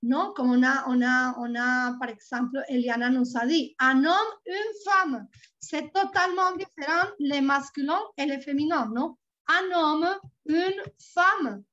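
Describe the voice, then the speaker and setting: A French tutor with a Colombian Spanish accent gives an online lesson over a video call in a bright, high voice. Patiently, she says each word twice, slowly and clearly, while the call audio sounds dull and lo-fi.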